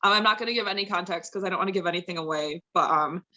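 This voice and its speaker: A woman's voice: on the low side, very fast, sharp tone, highs cut off. A woman moderating an online book launch, reading out audience questions. She talks in a chatty, upbeat way and uses a lot of "like" fillers. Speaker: bookstore event moderator. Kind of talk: casual chat hosting an online book launch.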